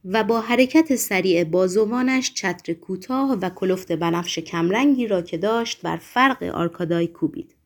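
A woman reading a novel aloud in steady, measured scripted narration. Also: medium pitch. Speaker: audiobook narrator. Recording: faint background music.

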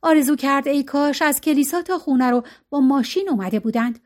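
Woman narrator, high voice, expressive audiobook reading.

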